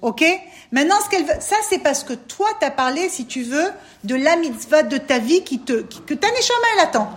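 A woman's voice: high-pitched, sing-song, brisk, few pauses. A woman explaining religious teaching to a listener in an emphatic, coaxing way, often calling for attention. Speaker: spiritual advisor.

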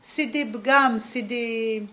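A woman teaching a religious class for women, speaking straight to her listeners and scattering Hebrew terms through her lively lesson. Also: on the high side, very slow.

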